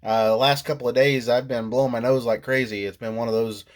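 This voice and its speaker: A man talks through his weekend in a relaxed, chatty vlog recap, his voice stuffy and nasal from a cold. He laughs easily and pokes fun at himself, at an ordinary middle pitch. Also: brisk. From Illinois. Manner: chatty, laughs often, self-deprecating. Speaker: RC monster truck vlogger. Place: indoors at home.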